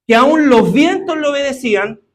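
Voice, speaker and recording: Man, preacher, sermon, high voice, asks the congregation for agreement. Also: expressive, moderate pace. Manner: keeps asking the congregation for agreement.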